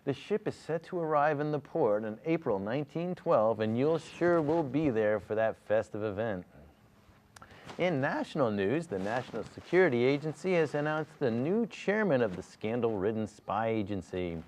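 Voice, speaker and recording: A man playing a TV news anchor in a parody newscast, halting and stammering in his delivery. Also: medium pitch, expressive, a little mellow, slight background noise, natural voice. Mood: earnest announcing. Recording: slightly dull, lo-fi audio.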